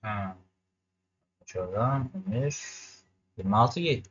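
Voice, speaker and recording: A man's voice: fairly low pitch, expressive, slow, fairly bright tone, highs cut off. A young man from Turkey commentating his racing game for viewers, ranting and cursing at it in frustration. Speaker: gaming streamer. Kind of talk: gameplay commentary.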